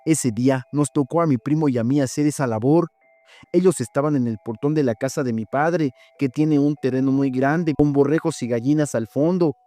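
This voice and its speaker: A man who hosts a horror story channel, reading listeners' stories in a steady, measured voice. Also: medium pitch, no room sound. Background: faint background music.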